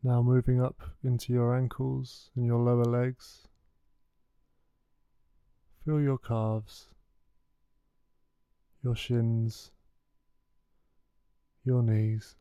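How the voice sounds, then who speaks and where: A man leads a guided body scan meditation in a very dark, mellow, smooth voice, though it also sits mid-range. His delivery is soothing, unhurried and flat, with gentle pauses between instructions. The recording is close and dry, with the highs cut off.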